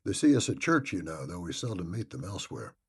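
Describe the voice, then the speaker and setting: A man's voice: low voice, sing-song, quick pace, breathy edge, heavily acted. Man doing a timid, well-bred boy. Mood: nervous. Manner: timid, half-whispered.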